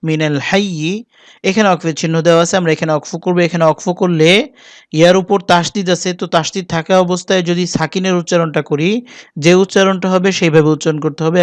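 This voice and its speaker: A man with a Bangladeshi Bengali accent leads a Quran spelling lesson, naming each letter and vowel in a slow, patient cadence. His voice is fairly high for a man, smooth and clean, and sits close to a dry microphone with no room sound. Now and then he breaks into slow, melodic recitation. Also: dry recording. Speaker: Quran teacher.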